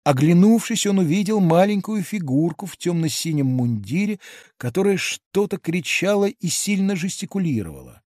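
A man reading a novel as an audiobook narrator, in a measured, deliberate style, recorded in a studio. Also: high-pitched, expressive, a little mellow, dry recording. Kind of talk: scripted narration.

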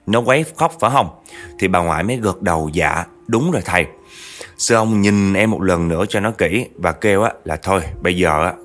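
A man telling a family story in a chatty way, often speaking straight to the listeners. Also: low-pitched. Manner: chatty, addresses listeners directly. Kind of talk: narrating a true spooky family story.

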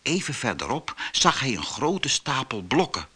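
A man reading a fairy tale aloud as narrator, slow and expressive. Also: medium pitch, noisy background. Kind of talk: storybook reading.

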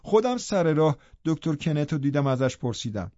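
A man voicing a chatty, gossiping village housekeeper woman in an audiobook, his voice pushed up high. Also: expressive, mellow, no echo, muffled recording. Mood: soothing. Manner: gossipy, breathless chatter, raised voice.

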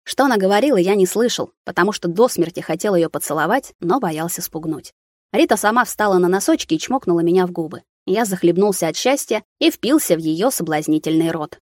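A woman reading a first-person novel aloud in a measured, steady way. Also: on the low side, no room sound, clean studio sound. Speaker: audiobook reader. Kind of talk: scripted first-person narration.

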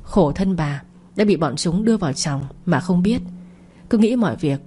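A woman narrating an audio story with a steady storytelling delivery. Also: on the low side, normal speed, slight background noise.

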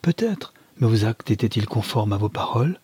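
A man's voice: on the low side, animated, normal speed, a little mellow, slightly rough, no echo. A man reading as an ardent, pleading young lover. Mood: wounded. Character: young man desperately in love, pleading and wounded.

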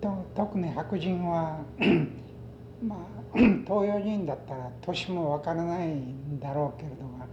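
An older man with a western Japanese dialect reminisces in an interview, haltingly telling anecdotes and mixing in English words. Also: a little high. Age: older, retired. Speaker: oral history interviewee. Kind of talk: reminiscing in conversation. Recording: echoey, muffled, noisy interview recording.

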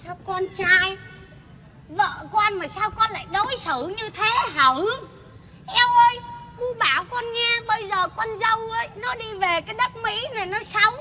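A fussy, exclamatory old grandmother in a stage comedy sketch, speaking. Her voice sits very high and she keeps fretting and scolding. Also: moderate pace, background noise.

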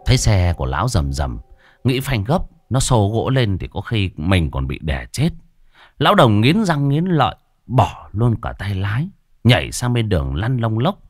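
Man telling a lively ghost story. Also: on the low side, normal speed, no room sound, clean studio sound.

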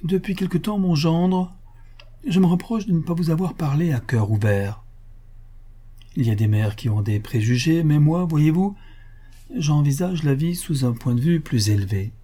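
A man's voice: fairly high pitch, normal speed, dark tone, voice pushed up, natural voice. A man voicing a meddling, tearful older mother-in-law who pleads and insists, in a raised voice. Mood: insistent.

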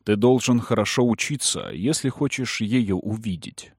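A man playing a cold, manipulative noble father who speaks slowly and firmly. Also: on the low side, a little mellow, breathy edge, dry recording, clean studio sound. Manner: slow, firm, measured. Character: cold powerful aristocratic father, calm and manipulative.

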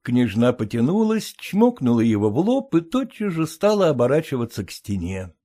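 A man narrating an audiobook in a measured, expressive storytelling manner. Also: mid-range voice.

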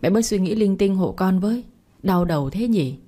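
A woman's voice: mid-range voice, lively intonation, normal speed, dark tone, natural voice. Cheeky young woman gamer, read by a woman. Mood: protesting. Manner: whiny, defensive protests.

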